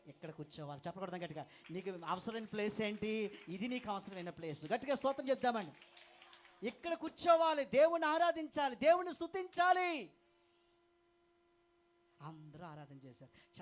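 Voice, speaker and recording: High-pitched preacher guy, coastal andhra accent, keeps asking the church to shout praise, goes loud then soft. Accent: coastal Andhra Telugu. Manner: calls out to the congregation for praise and applause; swings between loud exhortation and quiet storytelling. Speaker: pastor. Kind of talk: lively Telugu sermon.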